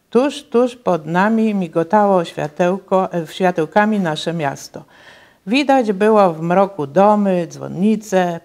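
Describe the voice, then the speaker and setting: A woman reading a children's story aloud at a reading event, in measured, careful storytelling. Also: medium pitch, darkish tone. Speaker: reader at a cultural centre reading event.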